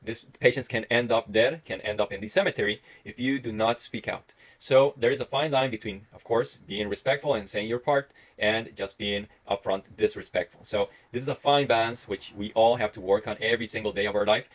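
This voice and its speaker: In a rough recording, a man in his thirties from Costa Rica speaks with a Costa Rican Spanish accent and a voice on the low side. He's a medical resident giving an earnest, rambling solo talk to camera, reflecting with lots of pauses and restarts.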